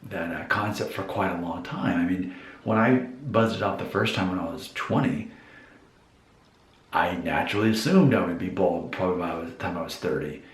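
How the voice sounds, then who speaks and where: In a relaxed vlog monologue, a man in his 40s muses out loud to viewers and asks himself questions. He speaks in a deep voice at a moderate pace, and the audio is reverberant.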